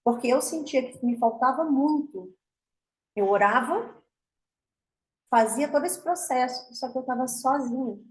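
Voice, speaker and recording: A woman's voice: sits high, a little mellow. Earnest Brazilian woman in an echoey room. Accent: Brazilian Portuguese. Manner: earnest and emotional, speeding up and slowing down in bursts. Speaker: host of an online women's spiritual meeting. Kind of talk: heartfelt personal testimony to an online group. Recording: roomy echo.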